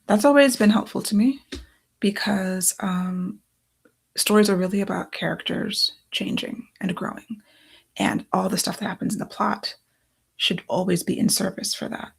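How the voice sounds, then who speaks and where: Woman author, casual think-aloud vlog, voice going hoarse, raspy with fry. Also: medium pitch, normal speed. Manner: thinking aloud, reading quotes from cards. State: losing her voice. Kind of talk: casual talk-through of writing process.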